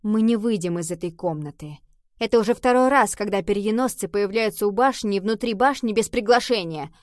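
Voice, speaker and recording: A woman voicing a bold young female cat who questions others in a loud, demanding way. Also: mid-range voice, a little fast, dry recording, studio quality, close to an everyday voice.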